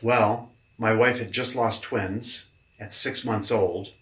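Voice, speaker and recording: Animated low-voiced man in an echoey room. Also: takes it slowly. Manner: animated, mildly profane storyteller. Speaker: guest, leadership coach. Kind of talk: casual storytelling in conversation.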